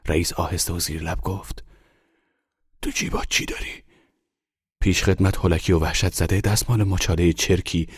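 A man reading a literary story aloud in a hushed, unhurried storytelling manner. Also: low voice, slightly rough, dry recording, studio quality. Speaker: audiobook narrator. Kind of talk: scripted literary narration.

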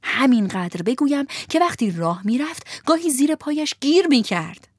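Woman reading a kids story, lively, fairly high voice, soft at times. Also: dry recording. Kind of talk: storybook narration.

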